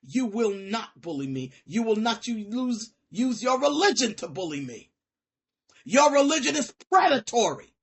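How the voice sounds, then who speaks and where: A woman student confronting officials in a disciplinary meeting, defiant and combative, swinging between shouting and low, menacing threats in informal speech. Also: sing-song, moderate pace, breathy edge. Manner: informal, nonstandard grammar.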